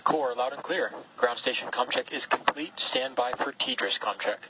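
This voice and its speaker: A man at mission control making procedural, measured astronaut radio calls over a radio link. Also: medium pitch, expressive. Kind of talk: astronaut radio communication checks. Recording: muffled radio with clear noise.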